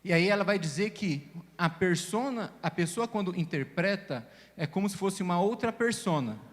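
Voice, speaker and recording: Man, high voice, slight stammer, relaxed storytelling, reverberant church hall. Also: normal speed. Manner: stammers at times, many fillers; reflective personal storytelling. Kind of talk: casual panel discussion.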